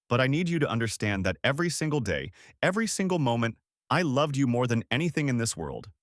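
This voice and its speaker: A man's voice: medium pitch, a bit bright, no echo, clean studio sound, natural voice. A man voicing a frail dying mother who pleads through tears, in a storybook reading. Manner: pleading, breaking with emotion. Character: dying young mother, weak and tearful.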